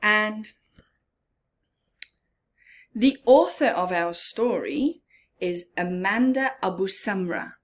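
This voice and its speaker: Reading to children, a woman with a mid-range voice and lively intonation stops to explain things in simple terms. She also asks her young listeners questions along the way.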